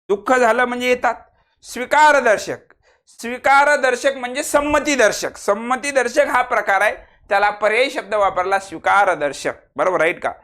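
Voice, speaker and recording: A man teaching a grammar class online with a Marathi accent, acting out exclamations with expressive swings and teasing his students. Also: very high-pitched. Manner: lively, acts out exclamations, teases students.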